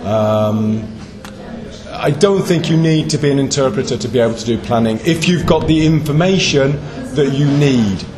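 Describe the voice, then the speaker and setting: An English man, an interpreter, giving feedback in a group discussion, pausing with many ums as he thinks aloud. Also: mid-range voice, lively intonation, crowd noise. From England. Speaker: conference interpreter.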